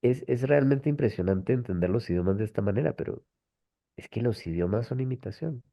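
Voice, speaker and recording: A Colombian man presenting a language method hosts a webinar over a video call, talking a little fast in an expressive, medium-pitched voice that's creaky and dark in tone. He explains patiently and keeps adding rhetorical tag questions. Sound quality is dull, lo-fi call audio.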